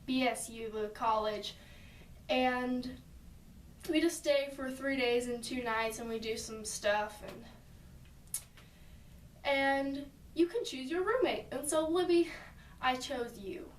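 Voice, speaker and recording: Young girl vlogging, kinda high voice, chatty and halting, echoey room, mic far off. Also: slight background noise. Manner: chatty, a bit halting, with fillers. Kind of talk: casual storytelling to a friend. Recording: roomy echo, mic at a distance.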